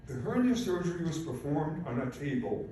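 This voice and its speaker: Very animated yet moderately paced, a mellow voice on the high side belongs to a Polish man in his eighties, a native Polish speaker and Holocaust survivor. As an invited speaker at a public event, he delivers a prepared, formal personal testimony. The recording is far off in a very echoey hall with faint noise.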